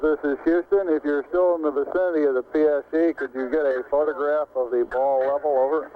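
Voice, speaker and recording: A man working as a mission control radio communicator, speaking in measured, formal astronaut radio procedure. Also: on the high side, steady tone. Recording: tinny, hissy 1960s space radio link.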